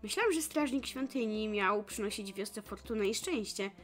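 A woman reading aloud the lines of a bewildered, sharp-tongued young heroine from a visual novel, in her own voice. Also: mid-range voice, expressive, soft background music, close to an everyday voice. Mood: incredulous. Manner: quick retorts, incredulous.

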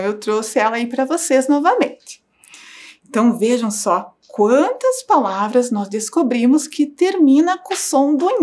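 A woman primary school teacher giving a slow, clear lesson to young children, patient and sing-song, stretching out syllables. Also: a little high, darkish tone. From Brazil. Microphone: broadcast studio mic.

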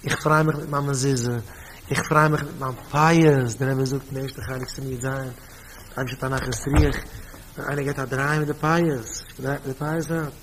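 Emphatic Yiddish-accented rabbi preaching. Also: male voice, mid-range voice, flat delivery, moderate pace, a little hiss or hum, rough recording. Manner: storytelling, repeats phrases, rises to emphatic bursts. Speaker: rabbi giving a talk.

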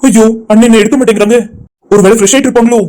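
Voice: mid-range voice, fairly even intonation, racing, very noisy, close to an everyday voice. [name], a voice artist doing a worried male friend. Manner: anxious, scolding then soothing. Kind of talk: animated cartoon drama voicing.

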